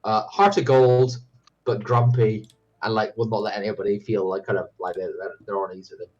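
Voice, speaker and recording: A man's voice: on the low side, fairly even intonation, fairly quick, darkish tone, lo-fi sound. A man talking casually and joking as a player in a tabletop game, describing his character's moves. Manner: rambling, joking player talk.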